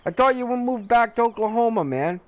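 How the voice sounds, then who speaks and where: A man's voice: very high voice, animated, brisk, dry recording, lo-fi sound. A man in his fifties casually chatting with viewers while playing a game, rambling, joking and laughing at himself. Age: 50s. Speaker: gaming streamer.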